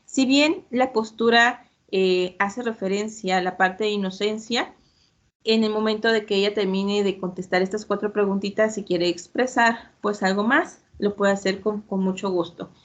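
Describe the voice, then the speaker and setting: A woman moderating an online debate, explaining in a measured way with frequent fillers. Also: medium pitch, fairly even intonation, dull audio.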